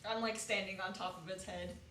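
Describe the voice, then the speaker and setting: A woman's voice: medium pitch, fairly even intonation, a little fast, pushed and bright, recorded from a distance. A woman playing a tabletop game, chatting casually and animatedly about her moves. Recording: echoey room, off-mic, faint noise.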